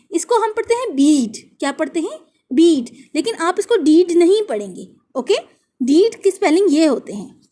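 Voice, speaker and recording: A woman teaching English spelling, who slowly repeats each word and spells it out letter by letter. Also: extremely high pitch, a little mellow. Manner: reads English verse lines slowly and deliberately. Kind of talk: classroom lesson explaining English spelling in Hindi.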